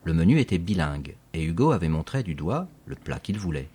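A man narrating an audiobook in a steady, clear reading voice. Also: deep voice, fairly quick.

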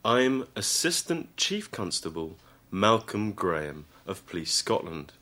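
A man voicing a polite police officer who speaks slowly and kindly. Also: on the low side, very animated, pushed and bright, pitched above the performer's own voice, exaggerated voice. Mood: calm. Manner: slow, measured, friendly. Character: tall polite male police officer, calm.

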